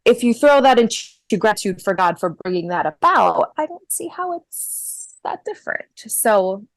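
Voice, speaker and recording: A woman's voice: medium pitch, big pitch swings, moderate pace. A woman in her thirties chatting casually on a podcast, wry and self-mocking. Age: 30s. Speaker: podcast host. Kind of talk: casual chat.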